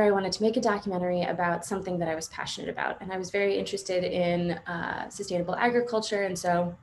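This panelist, a woman in her thirties, tells her own story over a video call from indoors at home, pausing often, reflecting, and leaning on filler phrases. Her medium-pitched voice has a darkish tone. She grew up in Morocco until seven before moving to the United States, and the call audio is noisy with audible room sound.

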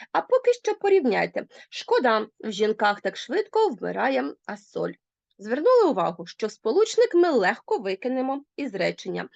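A woman's voice: mid-range voice, gravelly, dry recording. A woman teacher with a Ukrainian accent explaining grammar to a class, stressing her example words emphatically. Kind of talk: school grammar lesson. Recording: dull, lo-fi dry sound.

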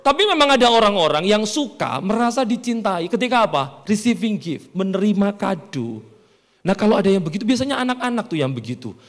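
A middle-aged pastor with a high, very lively voice that leaps around as he tells stories. He jokes and teases the congregation, and his words ring through a reverberant church hall. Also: brisk. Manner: storytelling, joking, playful with the congregation. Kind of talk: sermon.

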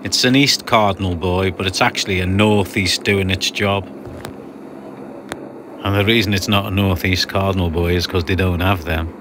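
A man's voice: deep voice, steady tone, normal speed, background noise. A man narrating his sailing trip in a chatty, explanatory voice-over with dry humour. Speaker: sailing vlogger narrating a passage.

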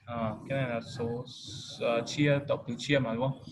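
A man's voice: medium pitch, steady tone, moderate pace. A man leading a study group, explaining English words with frequent hesitations. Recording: noisy home recording.

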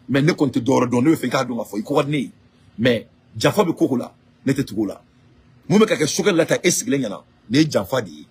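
A man's voice: medium pitch, husky. A man from Mali with a Malian French accent gives an impassioned political address, repeating phrases and asking rhetorical questions as he switches between French and Bambara. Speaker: political activist.

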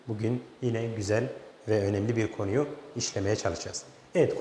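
A man's voice: medium pitch, a little mellow. A man teaching an English grammar lesson at an easy pace, explaining step by step with frequent fillers and repeated examples. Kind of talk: online language lesson. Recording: echoey room with long reverb.

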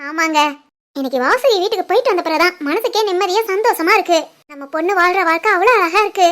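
A fond, teasing village wife and mother in a family cartoon. Her voice sits very high and sounds bright and sharp. She has a southern Tamil Nadu accent and scolds in a brisk, homely way. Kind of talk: animated family story voice acting.

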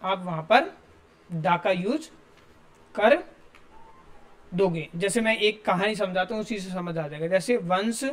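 A man's voice: sits high, expressive, measured pace, long pauses. A male teacher, giving a classroom grammar lesson and explaining step by step while asking his students questions.

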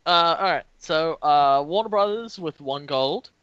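Easygoing male co-host, bright lively voice, muffled dry lo-fi sound. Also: fairly high pitch, unhurried, no echo. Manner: joking, easygoing. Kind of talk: casual panel chat. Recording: dull, dry lo-fi audio.

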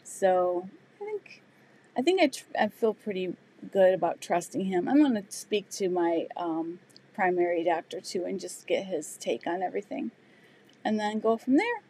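A woman's voice: lowish voice, sing-song, normal speed, mellow, slightly rough. Middle-aged woman host, easygoing live-stream chatter with viewers, lots of ums and restarts. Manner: chatty, loose, many fillers and restarts. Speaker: sewing channel host. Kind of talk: live stream chat answering viewer comments.

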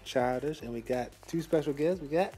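Excitable young man narrating game summons. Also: a little high, faint music behind. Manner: excitable, rambling, quick outbursts. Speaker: mobile game channel host. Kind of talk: casual gameplay commentary. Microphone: phone mic.

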